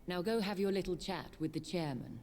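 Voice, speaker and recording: A woman's voice: on the low side, lively intonation, fairly quick, darkish tone, slight background noise, natural voice. An actress voicing an elegant, teasing upper-class lady in a video game, with a refined, playfully ironic manner. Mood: arch, teasing. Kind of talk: dramatic video game acting. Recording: music behind the voice.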